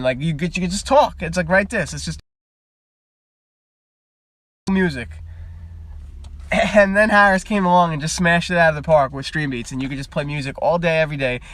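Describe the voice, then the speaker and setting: A man's voice: on the high side, fairly bright tone, no echo. A young man streaming live from his parked car at the beach, chatting casually and wandering from topic to topic, picked up by a phone mic. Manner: rambling, chatty, easily sidetracked.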